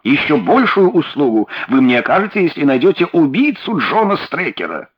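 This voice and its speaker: A man voicing an agitated middle-aged colonel who exclaims in excitement, in an audiobook reading. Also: on the high side, normal speed, slightly rough, dull audio. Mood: grateful.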